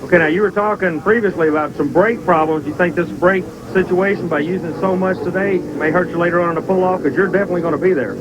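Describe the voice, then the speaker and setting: A male tractor pull announcer with a high voice and a quick pace. He reports from trackside in a folksy, enthusiastic way, with clear engine noise around him. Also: dull audio. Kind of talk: energetic sports commentary and interviewing.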